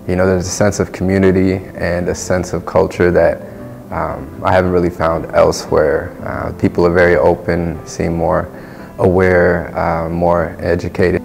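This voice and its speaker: Deep gravelly man, measured and flat. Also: faint music behind. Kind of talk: interview testimonial.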